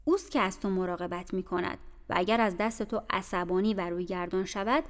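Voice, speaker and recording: A woman's voice: mid-range voice, natural voice. A woman voicing a firm but kindly young nursemaid in an audiobook, lecturing in a stern, coaxing way. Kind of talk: audiobook character voice. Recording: reverberant room with faint music.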